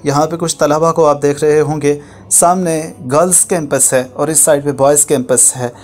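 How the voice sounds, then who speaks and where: A man's voice: fairly high pitch, a little mellow. A man narrating a voice-over commentary in a preachy, lecturing tone, using formal religious phrasing. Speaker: channel host narrating a viral video.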